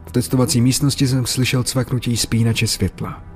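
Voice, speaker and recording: A man's voice: medium pitch, level tone. A man narrating a scripted horror story, occasionally raising his voice for the characters' lines. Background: faint music.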